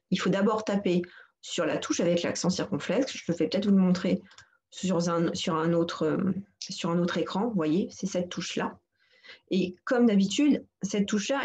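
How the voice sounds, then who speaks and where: A woman's voice: on the low side, darkish tone. A woman teaching a computer lesson for seniors, patiently walking through each step and repeating instructions. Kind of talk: screen-recorded tutorial narration.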